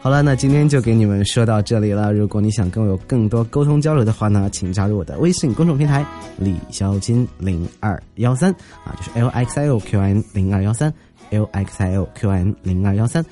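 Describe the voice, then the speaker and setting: A man's voice: fairly low pitch, quick pace, warm tone, soft background music. A man hosting a podcast, telling funny everyday stories in a chatty, jokey way and acting out the quotes. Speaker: podcast host. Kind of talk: comic storytelling podcast.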